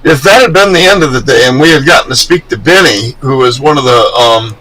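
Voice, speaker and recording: A man co-hosting a live stream, telling a story in a casual, animated way and laughing often. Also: mid-range voice, brisk, rough recording. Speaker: co-host.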